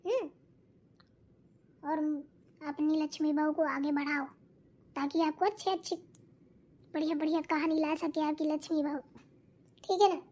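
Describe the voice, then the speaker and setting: A woman's voice: high-pitched, steady tone, normal speed, long pauses, a little mellow, close to an everyday voice. A woman voicing a chatty young daughter-in-law in a cartoon who talks straight to viewers. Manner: chatty, addresses viewers directly. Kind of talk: cartoon voice acting.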